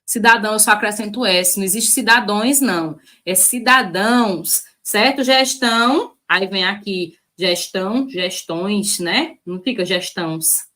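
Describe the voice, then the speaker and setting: A woman teaching an online exam-prep lesson in a lively, chatty way, often stretching out key words. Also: medium pitch. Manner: lively, chatty, frequent "ó" and "né", drawn-out stressed words. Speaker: Portuguese teacher.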